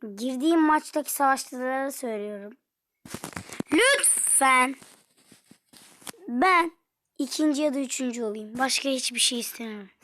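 A young woman commenting on her own gameplay, dropping to whispers and then shouting in frustration. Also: high-pitched, fast talker, a little hiss or hum. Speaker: gaming streamer.

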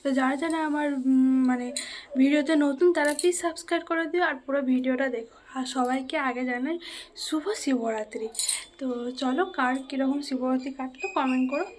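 A woman's voice: high voice, fairly even intonation, brisk, slight background noise, rough recording. A woman, chatting casually to her viewers as a home vlogger. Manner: chatty, talks straight to viewers as friends. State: hoarse from a cold. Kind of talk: casual home vlog chat. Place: home indoors.

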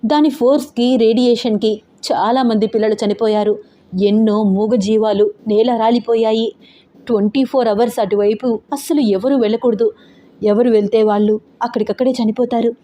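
A woman voices a young schoolgirl in an audio story, steady and solemn, her tone mellow and low-key. She speaks with a firm, grave calm. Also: normal speed, close to an everyday voice.

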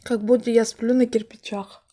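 A young woman chatting casually to viewers while chewing food, in a confiding tone with soft mumbled asides. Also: on the high side, little pitch movement, moderate pace. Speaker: mukbang vlogger. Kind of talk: casual chat to camera while eating.

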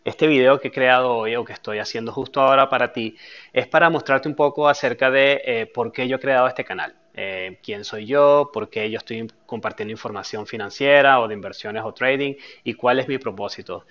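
A man, introducing himself to camera in a steady, earnest way with frequent fillers. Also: medium pitch, a little fast, lo-fi sound. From Venezuela. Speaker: personal finance YouTuber. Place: dark studio with a screen backdrop.

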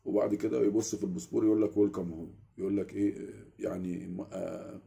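Egyptian man, low gravelly voice, rapid casual storyteller, animated. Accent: Egyptian Arabic. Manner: animated, keeps asking the listener "you get it?". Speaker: vlogger. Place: small room at home.

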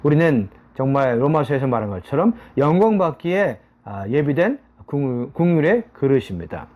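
A man teaching a daily Bible study in an earnest preaching manner, often pausing on a drawn-out "ah". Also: medium pitch, sing-song, muffled recording.

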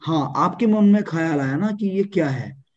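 A man's voice: on the high side, lively intonation, moderate pace, a little mellow. A man acting as a theatre mentor, directing students through an online class. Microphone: video call. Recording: dull lo-fi online call audio.

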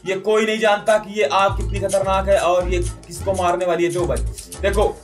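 A man giving jokey, excitable commentary over a mobile adventure game, yelping and protesting whenever his character dies. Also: sits high, moderate pace, soft background music. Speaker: gaming YouTuber. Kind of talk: Hindi gameplay commentary.

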